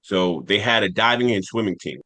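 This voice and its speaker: This American podcast host speaks fairly low and a little fast, his voice pushed and bright. With a New York accent, he wanders through a casual story about growing up.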